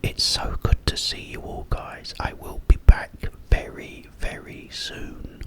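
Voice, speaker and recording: Taking it slowly, this man, an ASMR creator, murmurs a meandering, softly enthusiastic chat in a hushed, breathy whisper right up against the mic.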